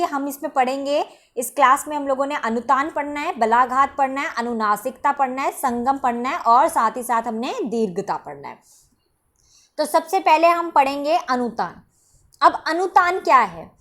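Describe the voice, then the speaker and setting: A woman's voice: sits high, expressive, moderate pace, fairly bright tone. A woman teaching an exam-prep lecture. She explains step by step, keeps asking "ठीक है?", and answers her own questions.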